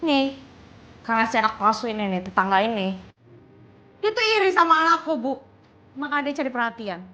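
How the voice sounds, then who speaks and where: A woman's voice: on the high side, expressive, brisk, bright, forceful tone, slight background noise. An actress playing a young mother in a TV drama who coos tenderly over her child and snaps sharply at others. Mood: resentful. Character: volatile young mother, doting then harsh. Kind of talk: TV drama acting.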